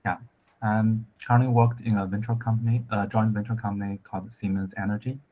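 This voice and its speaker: A man from China, an engineer talking over a video call, with many pauses, fillers and restarts. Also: on the low side, level tone, highs cut off. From central China. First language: Chinese. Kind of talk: casual conversation practice.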